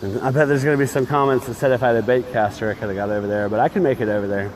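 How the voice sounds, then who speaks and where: A man's voice: mid-range voice, steady tone, racing, a little mellow. A man chatting casually and informally as he hosts a fishing livestream from under a bridge, rambling and offering modest opinions. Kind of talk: casual chat while fishing. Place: outdoors under a concrete bridge by a creek. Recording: noisy outdoor phone recording under bridge.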